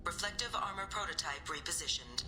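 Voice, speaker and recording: A woman's voice: sits low, animated, a little fast, bright, forceful tone, soft background music, exaggerated voice. An actress voicing a stern female security computer on a station, giving clipped, formal announcements in a video game. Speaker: game character.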